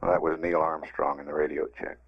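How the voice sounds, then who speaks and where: A man's voice: extremely low pitch, level tone, a little fast, a little hiss or hum. An American man giving matter-of-fact mission status commentary as a public affairs announcer. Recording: dull 1960s broadcast recording.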